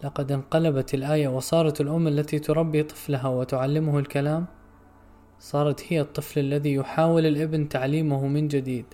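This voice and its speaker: A man narrating a literary story in a measured, somber way. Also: on the high side, little pitch movement, mellow. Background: faint music.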